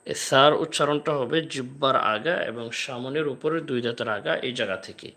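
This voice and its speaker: A man teaching the Arabic alphabet in a live online class, patiently explaining and repeating each letter sound slowly. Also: mid-range voice, bright, forceful tone. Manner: slow drilled letter sounds with repeated examples.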